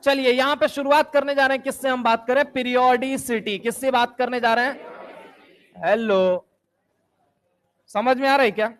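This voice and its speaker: High-voiced young male chemistry teacher. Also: steady tone, moderate pace, long pauses, a faint crowd. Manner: repetitive call-and-response questioning; jokey, teasing students. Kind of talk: lively classroom lecture. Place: classroom with students.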